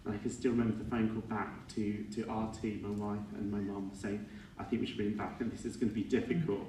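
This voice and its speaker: A middle-aged man with a fairly low voice delivers an informal eulogy. He speaks in a halting, reflective way and often corrects himself. The recording is echoey and picked up at some distance from the microphone. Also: level tone, mellow. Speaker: son giving a eulogy for his father. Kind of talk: informal funeral speech. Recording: echoey room, distant mic, faint noise.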